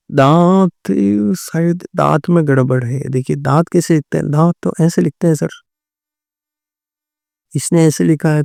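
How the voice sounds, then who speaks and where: A man with a higher-leaning, mellow voice and some vocal fry teaches a Hindi exam-prep class, recorded with clean studio sound and no echo. He goes through multiple-choice answers, repeating words and answers and frequently saying "theek hai" and "right".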